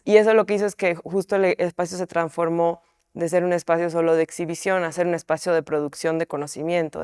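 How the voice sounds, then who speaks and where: A woman's voice: on the low side, a little mellow, clean tone, no echo, studio quality. A woman, an artist, explaining a piece in an interview in a reflective way, often tagging her sentences with questioning asides. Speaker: artist in a collective.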